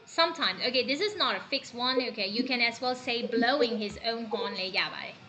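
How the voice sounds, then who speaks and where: A woman's voice: a little high, fast, a little hiss or hum, poor audio. A woman from Myanmar teaching a class, asking her students questions as she goes and slipping into Burmese now and then. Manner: animated, asks students questions, switches into Burmese. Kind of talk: classroom lesson.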